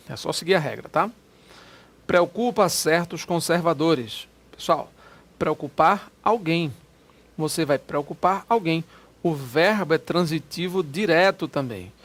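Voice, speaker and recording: A man teaching grammar in an exam-prep lecture, lively and repetitive, spelling words out letter by letter. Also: fairly high pitch.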